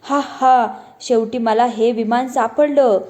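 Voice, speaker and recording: A menacing king of darkness in a children's storybook, voiced by a woman. He speaks loudly and threateningly, in a mellow voice. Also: fairly high pitch, fairly even intonation, takes it slowly. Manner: loud, threatening delivery.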